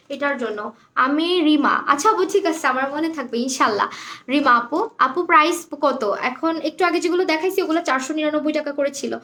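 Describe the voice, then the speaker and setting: Her voice sits high and sounds a bit bright as this woman runs a live clothing sale online. She chats in a relaxed way, reads viewers' comments and names aloud, and drops English words into her talk.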